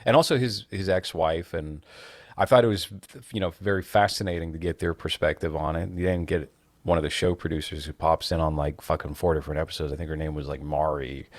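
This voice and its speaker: Podcast co-host, man, very deep voice, measured and deliberate, dry close sound. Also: fairly even intonation, no room sound. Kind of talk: casual podcast chat.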